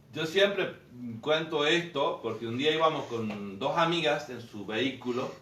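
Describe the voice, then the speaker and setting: A priest, giving an informal teaching talk to a group and telling stories with quoted dialogue. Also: male voice, a little high, fairly bright tone, slight background noise. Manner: storytelling, acting out quoted dialogue. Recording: echoey room, mic far off.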